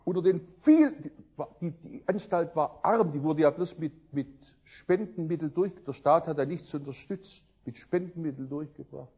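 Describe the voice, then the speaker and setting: An older man preaching a sermon, telling stories with lively swings between loud outbursts and quiet musing. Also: on the high side, moderate pace, breathy edge, dull audio.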